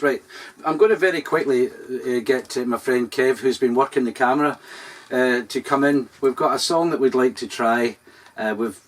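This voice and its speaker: A Scottish man performing a live-streamed show, chatting casually between songs in a rambling, halting way with many fillers. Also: medium pitch, a little hiss or hum. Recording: distant mic in a live room. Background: acoustic guitar.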